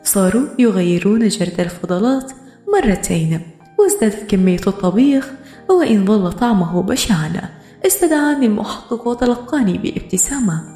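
A woman reading a novel aloud in steady, grave first-person narration. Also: mid-range voice, fairly quick, echoey room, soft background music. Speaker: audiobook narrator.

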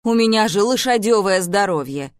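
A woman voicing a loud, bubbly older mother-in-law. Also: mid-range voice, lively intonation, normal speed, no echo, studio quality, lightly acted. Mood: excited.

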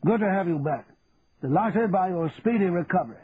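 A man voicing a stern older army colonel who speaks formally and deliberately. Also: high voice, lively intonation, voice pushed up. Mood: formal, probing. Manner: measured, formal, officer's clipped diction. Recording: tinny phone-like, faint hiss.

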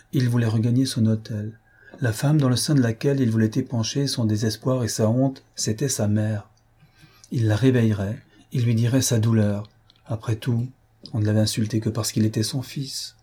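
A man reading a classic novel aloud in measured, steady narration. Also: mid-range voice, breathy edge. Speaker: audiobook reader.

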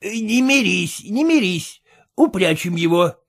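A woman reading a story, voicing a stubborn, scornful husband who talks slowly. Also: medium pitch, lively intonation, pitched above the performer's own voice. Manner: slow, scornful.

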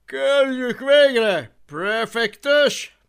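A woman's voice: sits high, animated, smooth, pitched above the performer's own voice. A woman voicing a fat, bored Roman consul who speaks in a lazy, yawning drawl.

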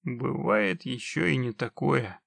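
A man voicing a cold, mercenary witcher who speaks with chilling, mocking calm. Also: mid-range voice, slow pace, gravelly, no room sound, heavily acted. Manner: icily calm, dry, mocking. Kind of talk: audiobook reading.

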